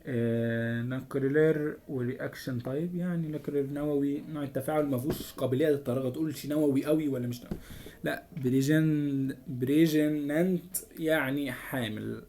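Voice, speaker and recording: A man with an Egyptian Arabic accent, working through a lecture from slides as a student tutor. He reads out English terms haltingly and then translates each one. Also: medium pitch, steady tone, warm tone, slight background noise.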